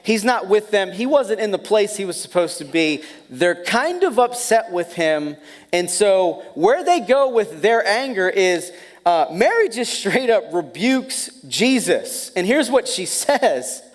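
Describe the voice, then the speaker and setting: A man preaching a sermon as pastor, telling a personal story with animated, self-deprecating humor. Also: high voice, measured pace. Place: church sanctuary. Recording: long hall reverb.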